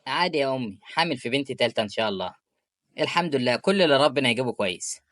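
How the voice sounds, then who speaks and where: A performer with an Egyptian Arabic accent voicing an affectionate, patient young husband in an animated story. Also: female voice, rumbling low, no room sound, studio quality. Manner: warm-hearted, rapid.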